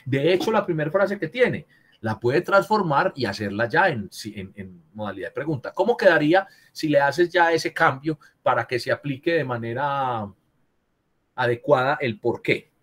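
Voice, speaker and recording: Man, teacher, husky voice, online class, keeps checking students follow. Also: medium pitch, expressive, moderate pace, fairly bright tone. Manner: corrects students, keeps asking "¿cierto?". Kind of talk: virtual class lesson on writing. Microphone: video call.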